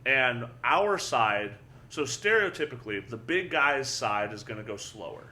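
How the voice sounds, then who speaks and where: A young adult man, a powerlifter and guest, telling a story in casual chat, animated and swearing freely, often repeating words. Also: medium pitch, unhurried.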